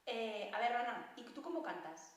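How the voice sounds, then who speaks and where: Brief: lively children's music teacher, woman, bright higher voice, booming room echo. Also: moderate pace. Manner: animated, playful, talking to children. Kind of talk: children's music lesson with puppets. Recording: very echoey, distant mic.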